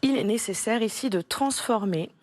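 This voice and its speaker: A French woman teaching a primary school spelling lesson, speaking slowly and clearly, patient and encouraging as she repeats each word for a young pupil. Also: fairly high pitch, animated, a little mellow. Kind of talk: slow, clear classroom instruction to a child.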